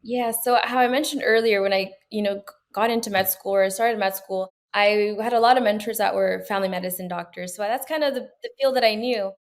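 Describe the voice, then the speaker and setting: A woman's voice: medium pitch, fairly even intonation, brisk, few pauses. Earnest young woman guest, reflective. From Peru. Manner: earnest, reflective, many fillers and restarts. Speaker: medical student guest. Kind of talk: casual interview answers.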